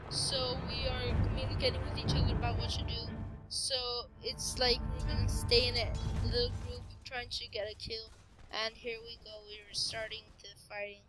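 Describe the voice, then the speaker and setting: A woman's voice: on the high side, flat delivery, moderate pace, over music, low-quality recording. A woman casually narrating her own match, giving chatty play-by-play of the game. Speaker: gameplay commentator.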